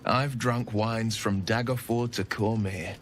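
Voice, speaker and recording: A man's voice: lowish voice, steady tone, slow pace, slight background noise. A man playing a courtly, poetic suitor in a video game, speaking in a gallant, formal and flowery way. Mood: wistful, tender. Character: courtly romantic gentleman, gently poetic suitor. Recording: background music behind the voice. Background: clear music.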